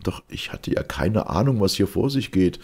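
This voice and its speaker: An earnest, curious gentleman scientist, read by a man speaks in a storybook with a lively, rising delivery. His voice stays husky and creaky underneath. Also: fairly low pitch, moderate pace, pitched above the performer's own voice, full character voice. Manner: earnest, apologetic. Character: the curious first-person narrator, a gentleman scientist.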